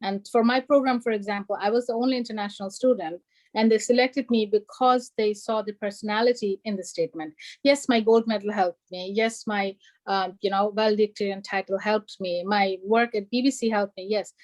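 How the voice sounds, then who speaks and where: On an online alumni panel, a young Bangladeshi woman raised in Germany talks earnestly and emphatically, using "you know" and "like" a lot. Her mid-range voice keeps a steady tone at a fairly quick pace. The recording is rough.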